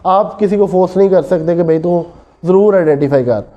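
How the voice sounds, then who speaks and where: A man with a Pakistani accent delivers an explanatory law lecture in a classroom, switching languages mid-sentence. His voice sits high and his pace is brisk. The audio is dull and lo-fi.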